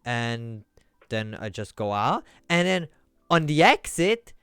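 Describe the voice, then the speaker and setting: A man's voice: mid-range voice, very animated, slow pace, a bit bright, clean tone, no echo, studio quality. A man streaming live, telling a rambling story to his chat with lots of restarts that builds up as he goes. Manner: rambling, with many restarts, growing more worked up.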